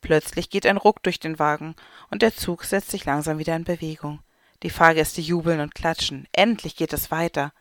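Storybook narrator: calm, clear read-aloud, close and dry, no room sound. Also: mid-range voice, moderate pace, dry recording. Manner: calm, clear read-aloud delivery with light voices for characters. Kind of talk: storybook reading for children.

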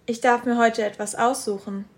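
A woman voicing a cheerful, kind little child with bright, eager chatter. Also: fairly high pitch, steady tone, moderate pace, pitched above the performer's own voice, close to an everyday voice.

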